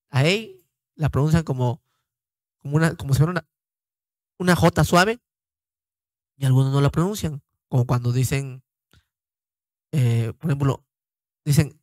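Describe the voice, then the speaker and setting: An older man teaching scripture informally, slow and deliberate, repeating words as he explains them. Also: fairly high pitch, dry recording. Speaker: Bible teacher.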